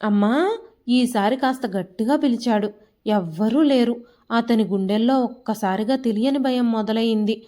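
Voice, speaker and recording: A woman storyteller giving calm, measured narration of an emotional family story. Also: fairly high pitch.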